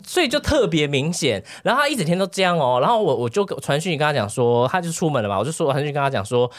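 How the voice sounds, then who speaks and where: A woman's voice: low voice, quick pace. A woman co-hosting a casual chat podcast, telling a story with acted-out quotes and frequent laughter. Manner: animated storytelling, acting out quotes, laughing often. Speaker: podcast co-host.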